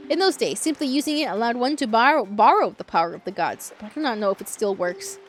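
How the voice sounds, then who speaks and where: Woman voices a wise talking boat in a game, solemn mentor, high and expressive, music underneath. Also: fast talker, natural voice. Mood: solemn, guiding. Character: wise talking boat guiding a young hero.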